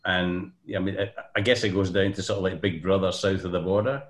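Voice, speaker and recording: An older Scottish man chats as a podcast guest, his fairly low voice winding through anecdotes full of ums and false starts. The recording has a noticeably roomy echo. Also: fairly even intonation, a little fast. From Scotland. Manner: rambling anecdotal storyteller, many ums and restarts. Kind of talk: casual podcast chat.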